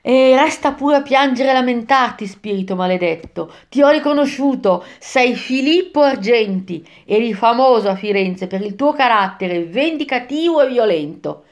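A woman doing a calm, stern ghost guide. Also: mid-range voice, normal speed, few pauses, muffled recording, lightly acted. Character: wise stern male ghost poet guide.

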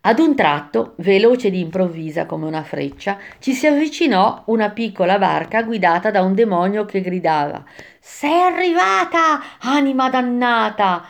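A woman tells a tale in the first person, reading in a measured, expressive way. Her pitch sits in an ordinary middle range, and she paces the story steadily. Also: gravelly. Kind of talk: storybook narration.

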